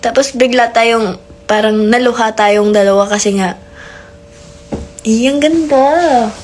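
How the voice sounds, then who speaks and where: A woman's voice: mid-range voice, fairly even intonation, moderate pace, slight background noise. A woman from the Philippines hosting a live stream, telling a rambling, playful story in a casual chat that mixes in English phrases.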